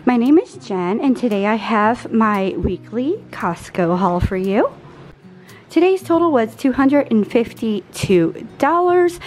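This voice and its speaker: A woman's voice: fairly high pitch, a little mellow. A woman in her forties chatting casually at home as she goes through her grocery haul item by item. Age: 40s. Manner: chatty, friendly product rundown. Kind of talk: casual chat.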